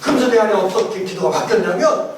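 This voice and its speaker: High-pitched animated male pastor preaching. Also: fast talker, noisy background. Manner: animated and emphatic, swings from shouts to soft asides, often laughs. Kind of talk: testimony sermon in a church training course. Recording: echoey church hall, mic far off.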